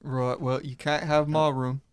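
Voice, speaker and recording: A man's voice: mid-range voice, level tone, measured pace, smooth, dry recording, lightly acted. A man playing a blunt, stubborn, flippant teenage boy in a tabletop role-playing game. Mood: grudging, cheeky. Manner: flippant, casual.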